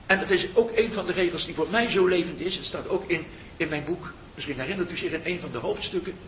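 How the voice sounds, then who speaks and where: High-voiced older man giving a reflective talk. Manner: slow, pausing, trails off softly. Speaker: meditation teacher. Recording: muffled roomy recording with faint rumble.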